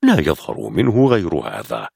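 A man with a husky voice retelling a film as a suspenseful, expressive story. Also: extremely low pitch, moderate pace, no room sound, clean studio sound.

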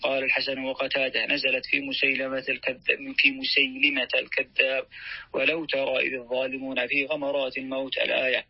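A man reading a classical Quranic commentary aloud in an even, steady recitation. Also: mid-range voice, a little fast, breathy edge, dry recording. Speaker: student reading the text aloud. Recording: dry, muffled lo-fi recording.

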